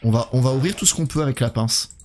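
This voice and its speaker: A gaming streamer with a fast, mid-range voice gives live let's-play commentary on a horror game, thinking aloud and chatting with his viewers. A little hiss or hum is audible.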